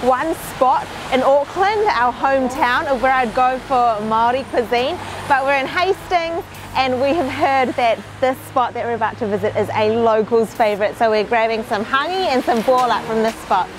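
Chatty high-voiced New woman vlogger. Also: moderate pace, noisy background. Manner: chatty, animated, explains to viewers. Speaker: food vlogger host. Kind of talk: casual food vlog narration. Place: outdoors on a rainy street.

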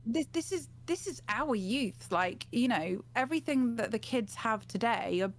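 On a video call from her small room at home, a gaming streamer in her forties chats as a guest, recounting anecdotes. Her voice is a little high and animated at a moderate pace. Background noise and hum come through on an otherwise clear recording.

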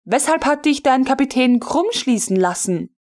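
A woman reading a jealous, imperious young female colonel in an audiobook, scolding sharply in a high voice. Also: expressive, normal speed, a little mellow.

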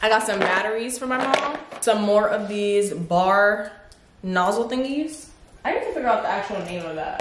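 Young woman vlogging, chatty and excited, roomy apartment sound with a faint hiss. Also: mid-range voice. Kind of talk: casual vlog chat. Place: apartment at home. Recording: echoey room.

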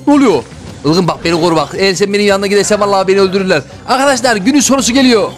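A man giving loud, excitable, slangy commentary while playing a video game and talking to his viewers. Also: high-pitched. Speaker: gaming YouTuber. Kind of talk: excited Let's Play commentary. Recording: faint game music behind.

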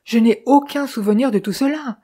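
A woman's voice: fairly high pitch, normal speed, dark tone, slightly rough. A woman reading a plaintive, anxious accused man. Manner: plaintive, pleading.

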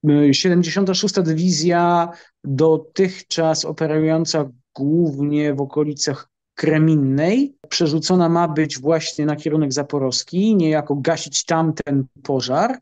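A middle-aged man from Poland, a military analyst answering interview questions in a measured, halting way with many filler pauses. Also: fairly high pitch, fairly even intonation, darkish tone, muffled recording.

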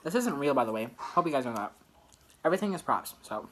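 A man's voice: medium pitch, big pitch swings, fast talker, fairly bright tone, slight background noise. A young man chatting casually while eating, rambling and joking with lots of fillers. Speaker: musician vlogger. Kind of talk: casual behind-the-scenes chat while eating.

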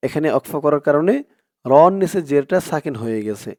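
A man teaching Quran reading, stretching out syllables slowly and then explaining rules in quick asides, with a Bangladeshi Bengali accent. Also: fairly high pitch, expressive, mellow, no room sound, studio quality. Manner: slow drawn-out recitation alternating with quick explanations. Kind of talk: Quran recitation lesson.

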